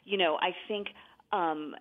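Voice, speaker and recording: A woman's voice: fairly low pitch, fairly even intonation, unhurried. A woman author being interviewed, explaining at length in a chatty way with many fillers. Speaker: author guest. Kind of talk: conversational interview. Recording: tinny phone line.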